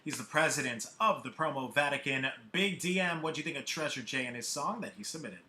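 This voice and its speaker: An upbeat male host runs a live online music competition. He talks fast, in a bright, forceful voice, and keeps the show moving as he brings on judges and artists over a video call. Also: medium pitch, lively intonation, slight background noise. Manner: upbeat, quick announcer delivery.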